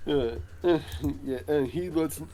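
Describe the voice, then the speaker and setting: A man's voice: on the high side, slow, warm tone. A man playing a boastful middle-aged veteran magic hero in an improvised role-play podcast interview, rambling and hesitant, full of filler words. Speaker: interview guest.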